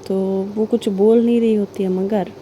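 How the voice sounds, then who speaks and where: A woman with a steady, dark, mid-range voice recounts a serialized romance at a normal speed, playing out the characters' lines as she goes. Chatty throughout, she quotes dialogue from scenes and breaks into bits of film songs. A little hiss or hum sits under the recording.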